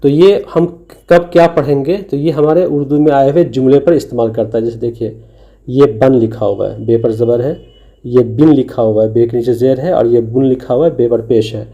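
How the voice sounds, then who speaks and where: Guy teaching urdu letters over slides, deep mellow tone, spells stuff out slow. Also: steady tone, lo-fi sound. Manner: patient, sounds out letters slowly, repeats syllables. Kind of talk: recorded lesson explaining a slide.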